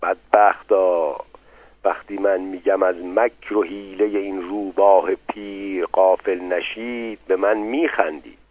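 A man voicing a proud, paranoid old male patriarch who speaks in a muffled, slow, grandiose way, in a narrow phone-like recording. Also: deep voice, steady tone, no echo. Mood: bitter.

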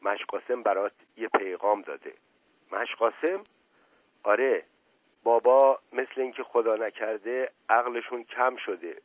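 A man voicing an anxious teenage girl who speaks in a hushed, hurried way. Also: mid-range voice, steady tone, breathy edge, no echo, phone-quality sound, natural voice. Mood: worried.

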